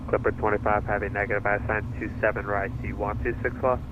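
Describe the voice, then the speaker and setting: A man's voice: fairly low pitch, flat delivery, quick pace. A man working as an air traffic controller, giving clipped instructions over the radio. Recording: dull radio channel, aircraft noise.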